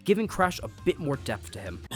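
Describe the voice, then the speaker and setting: Male game reviewer, sarcastic and jokey, animated pitch, scripted voice-over with low music bed. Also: brisk, slightly rough, dry recording, clean studio sound. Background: faint background music.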